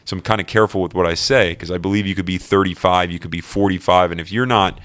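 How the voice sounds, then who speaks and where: A man telling his own personal story in an earnest, animated way during an interview. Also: deep voice, quick pace, smooth. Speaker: guest.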